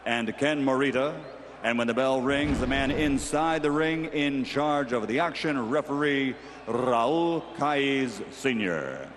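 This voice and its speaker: Booming male ring announcer, lucha libre style, echoing arena. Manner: booming showman delivery with long drawn-out shouted names. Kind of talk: grand theatrical fight introductions, in the manner of a lucha libre announcer. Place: large indoor sports arena. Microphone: ring announcer's microphone over arena speakers. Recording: echoing arena PA with loud noise.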